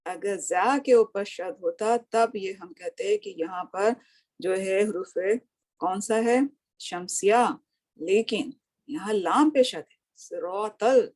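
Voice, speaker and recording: A woman's voice: medium pitch, darkish tone. A woman teaching Arabic grammar in a recorded lesson, asking questions and answering them herself, drawing out each word she recites, with English words mixed into her Hindi. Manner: slow, patient, drawn-out recitation of words. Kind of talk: recorded lesson, explaining line by line.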